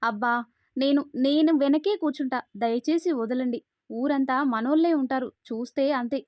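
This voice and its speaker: Storybook part: sharp-tongued young village woman, always protesting, voiced by a woman narrator, high and dry. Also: moderate pace, dry recording, natural voice. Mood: flustered. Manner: flustered, protesting.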